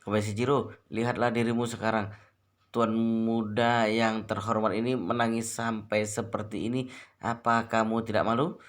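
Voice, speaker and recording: A man voicing a cunning young man who talks with calm scorn. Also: fairly low pitch, moderate pace, natural voice. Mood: scornful. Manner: mocking, contemptuous.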